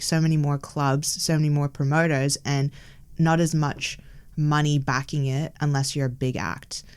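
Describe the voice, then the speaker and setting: Her voice sits low, clear and resonant. Raised in Melbourne but from Hong Kong, this young podcast guest keeps the interview casual and chatty, peppering it with "like" and laughing a lot.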